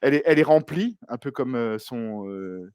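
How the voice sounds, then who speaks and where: A man's voice: medium pitch, expressive, moderate pace, a little mellow, clean tone, no echo, clean studio sound. A man co-hosting a podcast, chatty and hesitant with many fillers. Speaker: podcast co-host. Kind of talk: casual podcast chat.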